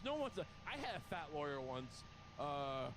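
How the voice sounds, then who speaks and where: A man's voice: fairly high pitch, sing-song, moderate pace, over music. A middle-aged man in casual comedic chat, talking in a rambling, self-deprecating way.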